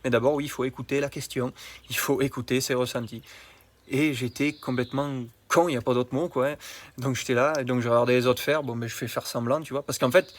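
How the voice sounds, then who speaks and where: A man's voice: mid-range voice, steady tone, fairly quick. Chatty male health coach vlogging. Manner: colloquial and familiar, addresses the viewer directly. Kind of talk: casual vlog monologue.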